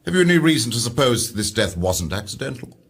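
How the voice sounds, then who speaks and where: Stern senior detective, radio drama, husky, low, swooping delivery, commanding. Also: male voice, very animated, fast talker. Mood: haughty. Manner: curt, haughty, commanding. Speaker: detective chief superintendent.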